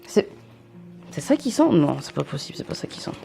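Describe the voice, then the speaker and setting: Low gravelly-voiced woman chatting through an unboxing. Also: very animated, brisk, mellow, soft background music. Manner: chatty, rambling, self-mocking asides. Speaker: vlogger unboxing a subscription box. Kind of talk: casual unboxing chat.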